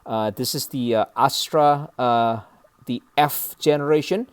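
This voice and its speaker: An Indonesian man hosts a casual, unscripted model car review, speaking hesitantly in short broken phrases and often adding a brief questioning tag. His voice is medium-pitched, clear and resonant, his pace unhurried, with no echo.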